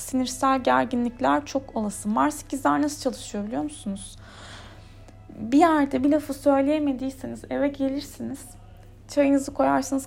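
Casting: female astrologer, higher register, strongly creaky, nonstop chatty forecast delivery. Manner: chatty, nonstop talk running on from point to point. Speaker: astrologer presenting a yearly horoscope. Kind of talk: informal spoken horoscope forecast.

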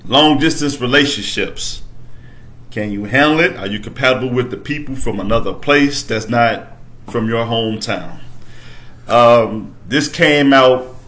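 A man's voice: medium pitch, unhurried. Upbeat man hosting a casual talk show. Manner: hyped-up introductions, then relaxed and rambling; stumbles and restarts words. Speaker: podcast host. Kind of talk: casual chat.

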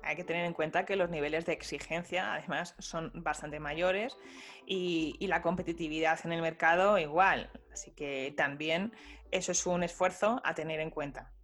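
Emphatic low-voiced woman. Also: moderate pace, soft background music. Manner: animated, emphatic. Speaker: podcast co-host. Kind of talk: casual podcast chat.

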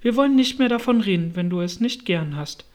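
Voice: medium pitch, animated, fairly quick, lightly acted. A reader voicing a polite, well-meaning young girl in a storybook reading, with an eager, apologetic, chattering manner.

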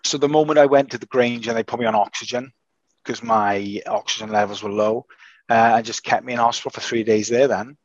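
A man recovering from an illness, talking in casual chat as a podcast host, halting and restarting often. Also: medium pitch, steady tone, no room sound, dull audio. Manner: hesitant, halting with many restarts.

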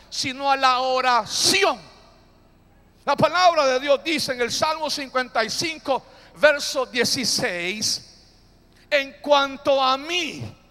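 A man's voice: very high-pitched, pushed and bright. A man preaching a sermon, leading the congregation in call-and-response and stretching out key phrases. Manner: call-and-response, drawn-out emphatic phrases, playful asides. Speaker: pastor. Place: church. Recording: reverberant church hall.

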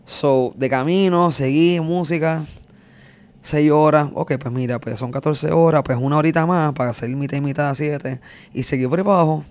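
A man's voice: fairly high pitch, moderate pace. A man, telling a road-trip story in casual chat and acting it out with sound effects. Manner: animated, acts out scenes with sound effects.

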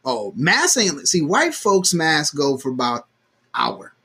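Guy with a husky voice, kinda high, lots of swing when he talks, cussing and doing voices. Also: slow pace. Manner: animated storyteller, swears freely, acts out quotes. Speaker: podcast co-host. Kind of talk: casual chat.

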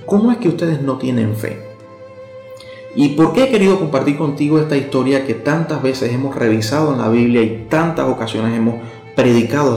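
Conversational male preacher in an echoey room. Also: on the high side. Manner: conversational, speaks directly to the listener. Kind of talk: sermon. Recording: echoey room with soft instrumental music.

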